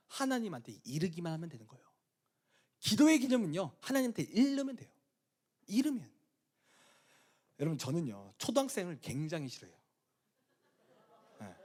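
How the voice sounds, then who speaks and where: Animated high-voiced male pastor preaching. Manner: animated comic storytelling, swinging from loud exclamations to low asides. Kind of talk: youth retreat sermon.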